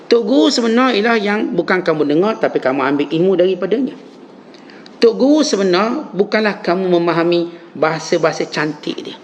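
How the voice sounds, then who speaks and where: A Malaysian man with a Malay accent delivers a mosque lecture as a religious teacher, his voice sitting a touch high and leaping upward on the points he stresses. The recording is muffled and lo-fi, with a faint hiss underneath. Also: fairly quick. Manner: animated preaching, rising emphatic pitch on key phrases.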